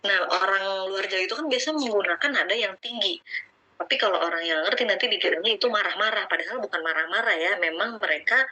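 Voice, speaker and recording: A woman teaching a class in a casual lecture, often pausing with fillers and speaking straight to her students. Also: lowish voice, bright, forceful tone, low-quality recording. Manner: hesitant with many fillers; addresses students directly.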